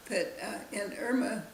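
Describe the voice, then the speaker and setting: A woman in her nineties, interviewed as a grandmother, recalling her childhood in a slow, halting way. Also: mid-range voice, reverberant, slight background noise, rough recording. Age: 90s. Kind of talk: casual family interview.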